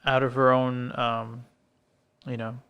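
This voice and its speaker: A man co-hosting a podcast on a coffee shop set, with a smooth, resonant voice and a flat, steady delivery. He talks casually and rambles, with plenty of fillers and restarts. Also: mid-range voice, takes it slowly, muffled recording. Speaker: podcast co-host. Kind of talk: casual conversation. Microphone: filmed podcast set.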